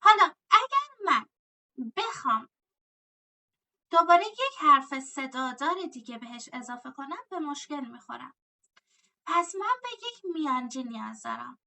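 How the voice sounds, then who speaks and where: A high-voiced woman teaches a grammar lesson, walking through each rule and quizzing herself aloud. Her tone is very bright and sharp, and she sits a little back from the mic. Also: very animated, gravelly, distant mic. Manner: explains step by step, asks and answers her own questions. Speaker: language teacher.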